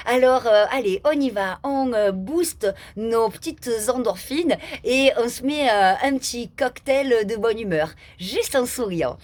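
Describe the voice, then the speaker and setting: A middle-aged woman leading a guided laughter yoga class, playful and demonstrative, often breaking into laughter and filling pauses with hesitations. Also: mid-range voice.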